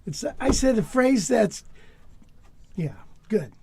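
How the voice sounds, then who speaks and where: Husky-voiced man teaching jazz guitar. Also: high voice, sing-song, slow, darkish tone. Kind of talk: relaxed lesson talk.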